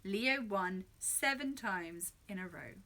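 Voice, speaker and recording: A woman reading a children's story aloud with expressive, animated storytelling. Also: mid-range voice, takes it slowly.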